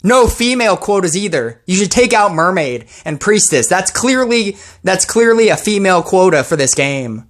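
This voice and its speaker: Woman gaming youtuber ranting, sarcastic and fed up, mid pitch. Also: big pitch swings, moderate pace, hardly any pauses. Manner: sarcastic, exasperated. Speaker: mobile game YouTuber. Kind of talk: ranting commentary.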